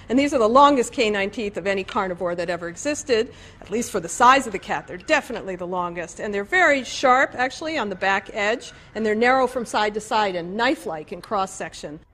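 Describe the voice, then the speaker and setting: A woman's voice: mid-range voice, fairly bright tone, slight background noise. A middle-aged woman explaining things as an expert interviewee in a nature documentary. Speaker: paleontologist interviewee.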